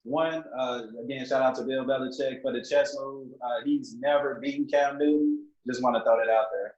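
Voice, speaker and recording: A man on a sports podcast, loose and easygoing, handing out shout-outs before he leaves. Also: mid-range voice, steady tone, normal speed. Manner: loose, repeats shout-outs, signs off with a laugh. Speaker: podcast guest. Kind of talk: casual sports podcast chat. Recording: roomy, slightly muffled remote line.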